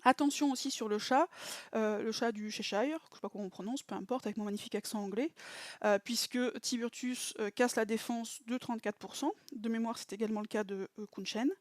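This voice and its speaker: Woman with a dry, higher voice explaining game strategy. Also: steady tone, darkish tone, dry recording. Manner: stresses warnings with repeated emphatic cautions; hesitant, pauses to recall details.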